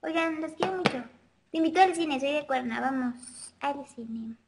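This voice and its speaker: Girl on a webcam stream, high little-girl voice, chatty, reading out comments. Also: moderate pace, slight background noise. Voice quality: childlike girlish voice. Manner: chatty, girlish, reads out and answers viewer comments. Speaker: vlogger answering viewer questions live. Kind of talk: casual webcam live chat. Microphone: webcam mic.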